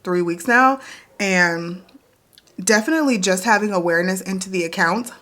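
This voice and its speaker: A woman's voice: mid-range voice, moderate pace, sharp tone. A woman, chatting upbeat to camera at her kitchen table in a casual vlog, repeating herself as she goes. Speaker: vlogger.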